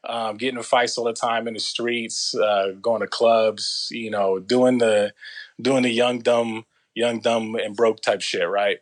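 A man's voice: mid-range voice, flat delivery, a little slow. Laid-back LA man in his thirties. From Los Angeles. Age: 30s. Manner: laid-back storytelling, slangy, many fillers. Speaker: guest, former soldier. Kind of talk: casual interview.

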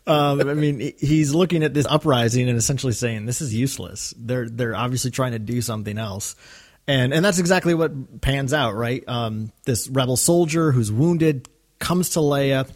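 A man co-hosts a casual discussion podcast, speaking in a mid-range voice with the halting enthusiasm of a fan.

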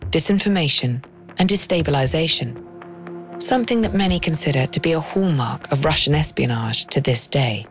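A woman reading scripted documentary narration as the host, in a measured, explanatory way. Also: deep voice. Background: music.

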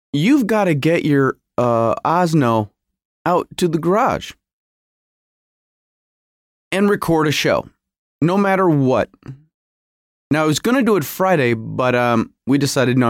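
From his home garage, a cold podcast host with a fairly high voice rambles through a casual solo episode, wry and prone to interrupting himself. The recording is studio quality, with no echo.

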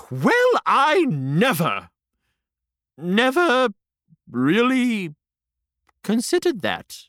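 A man's voice: high-pitched, huge pitch swings, very slow, pauses often, a bit bright, dry recording, clean studio sound, voice pushed up, heavily acted. A man voicing a bossy storybook queen who sounds haughty and flustered.

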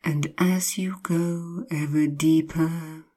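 A woman with a low, breathy voice narrates sleep hypnosis in the manner of a sleep story. Her delivery is extremely slow, with long pauses and drawn-out repeated phrases. She stays hushed and soothing, often sinking into a whisper. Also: fairly even intonation.

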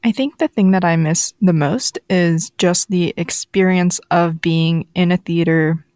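A woman's voice: lowish voice, unhurried, darkish tone, dry recording, clean studio sound. A woman in her twenties talking in a plain, conversational way as a podcast guest. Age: 20s. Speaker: interview guest. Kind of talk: casual chat.

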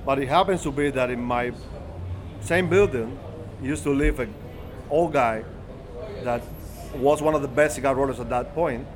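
In a noisy cigar bar full of crowd chatter, a man from Cuba who makes cigars talks as a guest in a casual interview. His medium-pitched speech is halting, and he frequently rephrases.

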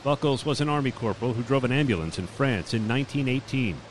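A male radio correspondent reads his report in a measured, deliberate manner, at a mid-range pitch. Clear outdoor noise of traffic and passing planes runs underneath his voice. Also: expressive. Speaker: news correspondent. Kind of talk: scripted radio news narration.

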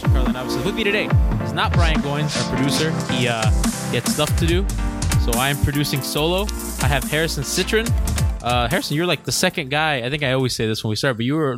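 A man's voice: medium pitch, fast, loud music behind the voice. A man hosting a podcast in a casual, conversational sports-talk style. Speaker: podcast host.

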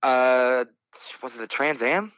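A man's voice: medium pitch, slow pace, fairly bright tone, clean tone, no room sound, dull audio. A man calling in as a quiz contestant, laid-back and laughing, cursing casually as he guesses. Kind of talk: casual chat.

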